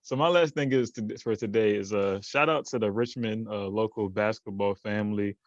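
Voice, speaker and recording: A man's voice: lowish voice, normal speed, no echo, lo-fi sound. A man as a podcast guest in casual chat, rambling with many fillers and restarts and laughing often. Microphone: remote recording.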